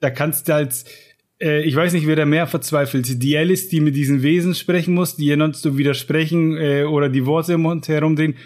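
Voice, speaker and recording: A man's voice: on the high side, fairly even intonation, fairly quick, a little mellow. A man co-hosting a podcast on writing, chatting casually and enthusiastically, then reading a book passage aloud. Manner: enthusiastic, colloquial, with fillers. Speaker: podcast co-host.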